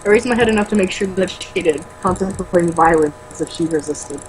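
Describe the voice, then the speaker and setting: Reading a novel aloud in a brisk, lowish voice, this amateur trips over words at times and breaks off for blunt, mocking, casual remarks, often sweary. The recording is rough, with slight background noise.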